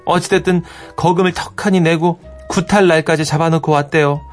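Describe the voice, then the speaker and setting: A male radio host reading a listener's letter aloud in a lively storytelling manner. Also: a little high, brisk, soft background music.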